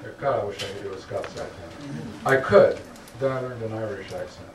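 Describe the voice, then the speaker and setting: A man's voice: lowish voice, a little fast. A man speaking earnestly as a lecturer answering audience questions, often checking in with "okay?". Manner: earnest, repeatedly asks "okay?". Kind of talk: public talk Q&A. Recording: roomy hall sound picked up from a distance, faint noise.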